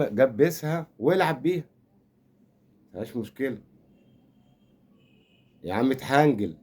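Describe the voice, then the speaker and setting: Rambling through a funny football rant, an older man with an Egyptian accent teases and offers fake comfort in his role as a fan commentator. His voice is mid-range with a darkish tone.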